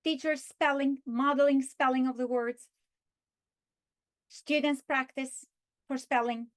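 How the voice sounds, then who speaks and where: A woman explaining a reading lesson structure to teachers and modeling the script, slowing down to stretch key words. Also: high-pitched, steady tone. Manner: slow, deliberate delivery, stretching key words when modeling. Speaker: teacher trainer.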